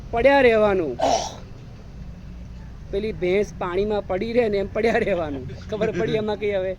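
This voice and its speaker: A man with a high, slightly quick, somewhat mellow voice preaches an evening sermon as a monk, hammering his points home by repeating phrases and tossing rhetorical questions at the audience. The lo-fi recording sounds dull, with a little background noise.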